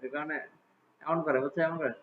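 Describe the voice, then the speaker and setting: Male teacher, somewhat high voice, tinny phone-like audio. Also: steady tone, quick pace, a little hiss or hum. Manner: casual, asks students frequent check questions. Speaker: computer class teacher. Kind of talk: live class walkthrough.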